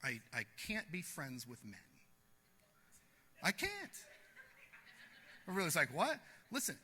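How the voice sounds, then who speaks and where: Male seminar speaker, blunt and animated, bright tone, long hall reverb. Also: on the high side, unhurried. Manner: blunt, animated, acts out quoted voices. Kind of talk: live seminar talk. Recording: echoey hall.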